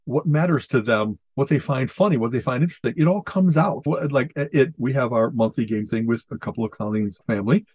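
A man co-hosting a casual talk show, chatty and quick to react. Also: mid-range voice, darkish tone, breathy edge. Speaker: podcast co-host. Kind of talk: casual chat.

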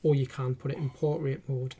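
A man's voice: mid-range voice, little pitch movement, fairly quick, warm tone, slightly rough. A man with a Geordie accent, co-hosting a podcast and explaining gear in a practical, casual way. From North East England. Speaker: podcast co-host, GPS trainer. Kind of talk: casual product chat.

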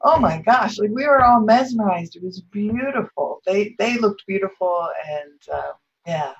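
A woman's voice: mid-range voice, expressive, a little slow. Enthusiastic woman host on a dull line. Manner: warm, enthusiastic reactions. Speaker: podcast host. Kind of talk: conversational interview. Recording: dull lo-fi sound.

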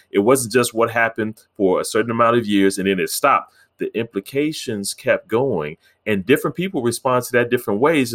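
A man, a therapist, calmly recounting a session with a client, earnest and measured, with frequent fillers and restarts. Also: on the low side. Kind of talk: reflective storytelling talk.

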